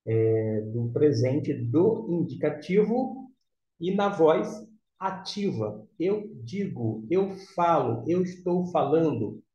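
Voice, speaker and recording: A man teaching a lesson in a slow, deliberate way, pausing often to explain each point. His voice sits a little high and sounds mellow. The recording is dull and lo-fi, in a room with a noticeable echo. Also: sing-song. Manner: slow and deliberate, with many pauses and fillers.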